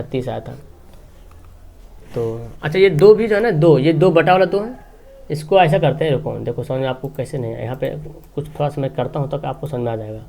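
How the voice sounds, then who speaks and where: A man with a Bihar regional Hindi accent explains a maths problem at a board, talking step by step as he writes. His voice is somewhat high with a darkish tone, delivered in plain teaching tones. He keeps checking in with short tag questions, pausing and restarting between steps.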